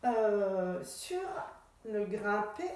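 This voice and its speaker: A woman teaching a Pilates class, giving calm, unhurried cues about breathing and posture. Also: medium pitch. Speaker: Pilates instructor. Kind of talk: guided exercise class instruction. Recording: very echoey room.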